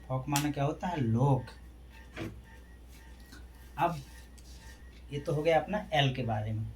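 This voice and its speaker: Slow, deliberate male teacher explaining rules. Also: fairly high pitch. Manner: slow, asks questions then answers them himself; spells out letters one by one, drawn out. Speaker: English teacher. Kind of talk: classroom lesson explained in Hindi.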